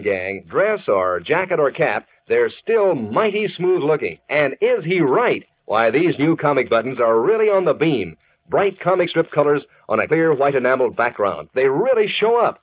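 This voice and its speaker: An American man pitching to children as an old-time radio announcer, chummy and enthusiastic. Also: slightly rough. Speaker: announcer reading sponsor messages. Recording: dull vintage radio recording.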